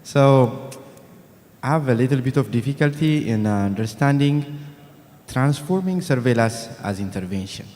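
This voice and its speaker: Man from Ethiopia, student, audience question, hesitant, mid pitch, reverberant hall. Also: expressive, moderate pace, darkish tone. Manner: searching, hesitant phrasing. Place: conference hall.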